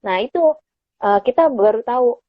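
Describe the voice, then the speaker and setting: A woman's voice: a little high, lively intonation, moderate pace, no echo. Woman psychologist on a dull lo-fi live stream. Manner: patient and explanatory, often calls the host by name; casual conversational speech with fillers. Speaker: child psychologist guest. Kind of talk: explaining parenting tips in a live chat. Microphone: phone on an Instagram live stream.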